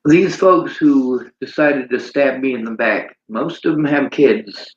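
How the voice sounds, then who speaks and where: A man's voice: medium pitch, a little slow. Male streamer, preachy monologue, reads chat aloud; dull roomy audio. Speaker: livestreamer. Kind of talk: livestream monologue.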